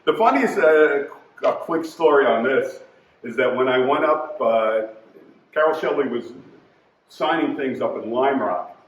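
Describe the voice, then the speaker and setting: An older man, a car collector, talking casually and telling lively anecdotes in an interview. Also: mid-range voice, unhurried. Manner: animated anecdote teller, acts out quoted voices. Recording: roomy, dull sound with faint ambience.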